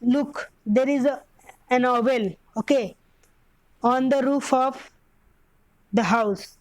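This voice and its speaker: A young woman teacher with an Indian English accent, giving a grammar lesson slowly, often repeating and correcting herself. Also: high voice, a little mellow, no room sound, rough recording.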